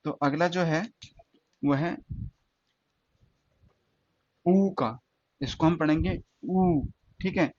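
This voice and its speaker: A man's voice: a little high, darkish tone, no echo, highs cut off. A male teacher explaining stenography step by step, repeating words and asking his students questions. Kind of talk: classroom lesson.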